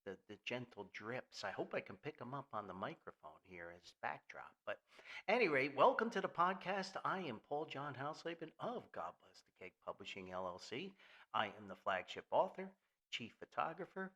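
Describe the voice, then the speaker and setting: An older man from New Jersey hosts an informal solo podcast, rambling in a folksy, jokey manner with theatrical emphasis and doing sponsor reads. His voice is a little high with a sharp tone.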